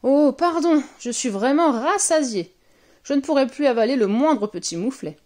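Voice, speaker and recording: A woman voicing a huge, roaring male ogre in a storybook reading, with a loud, booming voice. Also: expressive, normal speed. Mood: sated.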